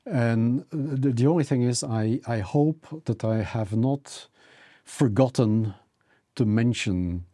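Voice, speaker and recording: An older man being interviewed as an academic, speaking in a thoughtful, halting way with many restarts. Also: mid-range voice, dark tone, dry recording, clean studio sound. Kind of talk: reflective interview talk. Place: university office.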